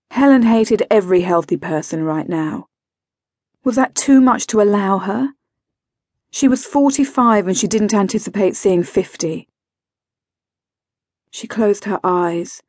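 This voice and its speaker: A woman narrating an audiobook thriller in a measured, wry manner. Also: mid-range voice, darkish tone, slightly rough, no room sound, clean studio sound.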